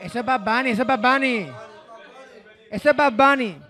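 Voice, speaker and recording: A man with a very high voice, co-hosting a live comedy show in a pub. He cuts in eagerly and repeats his lines. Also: brisk, some chatter behind. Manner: excitable, jumps in and repeats lines. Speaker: co-host. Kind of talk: live comedy podcast banter.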